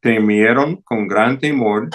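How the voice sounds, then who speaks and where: A man teaching a Greek class, going slowly and deliberately through word forms one at a time, with English fillers like "okay" and "so". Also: medium pitch. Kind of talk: classroom lecture.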